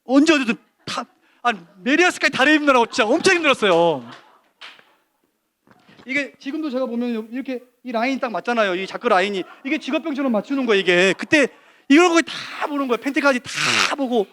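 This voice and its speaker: A man giving a lively testimony at a church service, telling an animated story full of quoted dialogue. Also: very high-pitched, fairly quick. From Korea.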